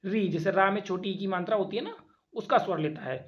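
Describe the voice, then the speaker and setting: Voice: mid-range voice, highs cut off. A teacher giving an exam-prep lecture, who keeps asking rhetorical questions, answers them, and stretches out vowel sounds to demonstrate them. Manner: drawn-out, repeated vowel demonstrations.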